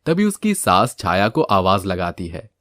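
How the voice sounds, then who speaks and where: A man with a low voice narrates a cartoon family drama in an even, scripted storytelling tone. The sound is dry and close to the mic. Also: measured pace, dry recording.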